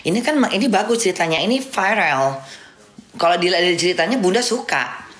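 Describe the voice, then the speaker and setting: A woman's voice: lowish voice, expressive, brisk, a bit bright. A middle-aged woman giving indignant, casual commentary on a film as a vlogger at home, often restarting and repeating words. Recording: roomy echo, faint background noise.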